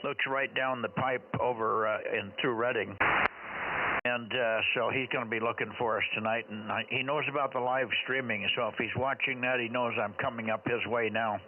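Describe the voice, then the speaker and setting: A man's voice: medium pitch, steady tone, normal speed. A man running an amateur radio net, talking casually as net controller and using radio call-sign phonetics. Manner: spells out call signs in phonetics. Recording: narrowband, very noisy two-way radio audio.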